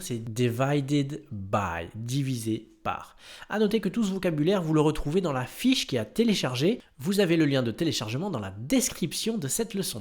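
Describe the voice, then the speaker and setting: A man's voice: a little high, a little mellow. A French-speaking man teaching a lesson, patient, spelling out words letter by letter. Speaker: English teacher. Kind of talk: explaining a lesson.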